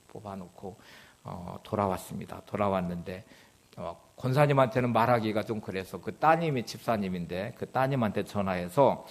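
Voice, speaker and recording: Male pastor, mid-pitched voice, narrates a sermon story, jumps from hushed to loud. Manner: acts out the quoted people, swings between loud urgent questions and low quiet narration. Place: church sanctuary.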